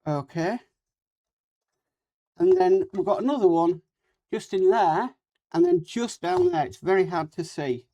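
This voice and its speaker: A model-building host with a mid-pitched voice gives a casual, hands-on walkthrough of a build. The speaker is talking with a cold sore on the lip. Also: very animated, unhurried, pauses often, dark tone.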